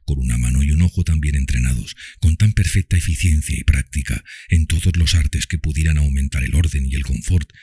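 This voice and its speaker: A man narrating an audiobook in a measured, deliberate reading. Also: extremely low pitch, mellow, husky, no echo, clean studio sound.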